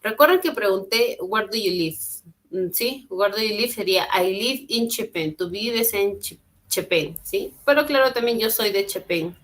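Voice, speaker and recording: Over a computer mic on a video call, a woman teaches an online English class with patience and encouragement, repeating phrases and translating them. Her voice is mid-range and a bit bright, her pace measured, and the recording sounds rough.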